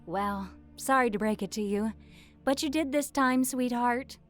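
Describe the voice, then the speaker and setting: A woman's voice: a little high, a little slow, faint music behind, lightly acted. A woman voicing a theatrical, mock-sweet and sadistic female hologram AI game show host in a video game. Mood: mocking, teasing.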